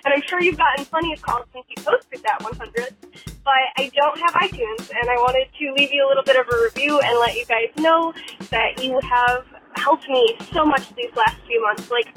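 A woman's voice: high voice, fairly bright tone, low-quality recording. A woman leaving a chatty, rambling voicemail message, recorded on a car phone and played back.

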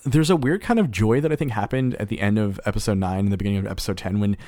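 A man's voice: on the low side, very fast, a little mellow, no room sound, clean studio sound. A man co-hosting a casual chat, rambling with lots of fillers and restarts. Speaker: podcast co-host.

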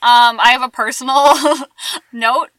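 A woman's voice: on the high side, fairly even intonation, unhurried, fairly bright tone, clear, resonant tone, dry recording. A young adult woman co-hosting a podcast, wry and giggly, with a slight lisp from dental aligners. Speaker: podcast co-host. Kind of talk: casual sarcastic chat.

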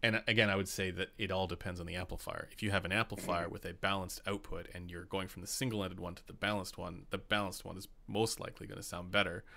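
A man's voice: low voice, flat delivery, fast talker, gravelly, hardly any pauses, pushed and bright. A Canadian man hosting a casual live stream, rambling with fillers and reading chat questions aloud. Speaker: host.

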